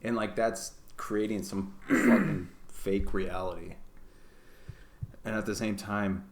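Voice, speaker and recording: A young man co-hosting a podcast in casual, rambling chat, swearing freely and filling every pause with "like". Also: on the low side, steady tone, heavy background noise. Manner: swearing, filler-heavy, rambling. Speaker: podcast co-host.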